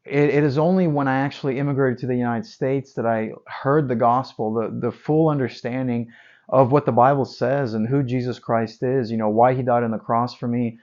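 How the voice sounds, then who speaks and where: An evangelist from Odessa, Ukraine, speaks with a Ukrainian accent, giving an earnest personal faith testimony. His medium-pitched, slightly mellow voice keeps fairly even intonation at normal speed, and he repeats words for emphasis with frequent fillers. The recording is muffled.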